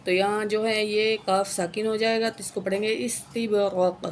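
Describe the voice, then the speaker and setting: A woman teaching Quran reading who spells out each letter and vowel mark, then slowly recites each word and stretches it out, often stopping to say "okay". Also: mid-range voice, little pitch movement, a little hiss or hum. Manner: often adds a checking "okay" after each rule.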